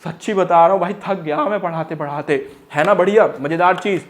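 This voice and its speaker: A man with a high, brisk voice teaches an energetic one-shot lesson, playful and teasing. He fires off quiz questions, answers them himself, and drags words out into a singsong.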